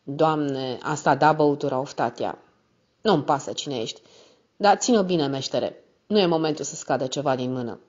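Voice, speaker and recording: A woman reading the part of a drunk, coarse older woman who is suspicious and greedy for whisky, with a thick, boozy voice and rough slangy talk. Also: low-pitched, a little mellow. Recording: slightly muffled recording.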